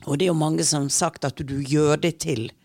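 A middle-aged woman telling her own experiences as a guest in an interview, calm and unhurried, a little halting. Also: deep voice, no echo, studio quality. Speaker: guest channeler. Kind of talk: reflective personal storytelling in interview.

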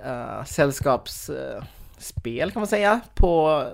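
Chatty low-voiced young woman. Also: expressive, gravelly, a little mellow. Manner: chatty storyteller, laughs often, many fillers. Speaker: podcast co-host. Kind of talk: casual chat.

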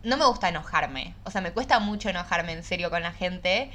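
A woman's voice: lowish voice, fairly quick. A young woman with a Rioplatense Spanish accent, co-hosting a casual podcast chat and telling stories animatedly. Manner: animated storytelling, acts out quotes. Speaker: podcast co-host.

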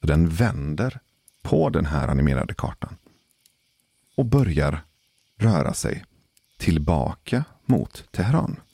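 Super deep guy with a gravelly voice, slow suspenseful storytelling, dry close mic. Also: sing-song, dark tone, dry recording. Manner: measured, deliberate pauses for suspense. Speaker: podcast storyteller. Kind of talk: casual spoken storytelling.

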